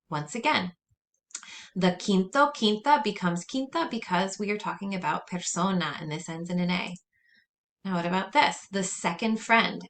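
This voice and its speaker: A woman teacher giving a recorded lesson, drilling words slowly and carefully and repeating them for her students. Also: on the low side, fairly bright tone, a little hiss or hum. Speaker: Spanish teacher.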